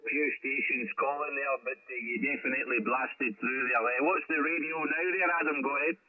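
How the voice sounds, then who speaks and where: A man's voice: mid-range voice, fairly even intonation, a little fast, noisy background. A Scottish man running an amateur radio net with casual, matey banter over a radio transmission. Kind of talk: casual ham radio chat. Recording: tinny narrowband radio with background chatter.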